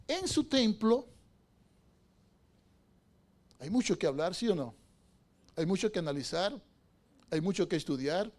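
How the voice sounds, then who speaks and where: A high-voiced male pastor delivers a sermon in a church sanctuary. He poses rhetorical questions to the congregation and moves back and forth between quiet storytelling and loud, fervent preaching.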